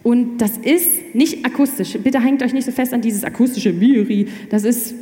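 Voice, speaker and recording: Young woman guest, animated testimony, highish voice, roomy echo. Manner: animated, talks in quick restarts. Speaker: guest sharing her faith story. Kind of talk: personal testimony in casual chat. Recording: echoey room with long reverb.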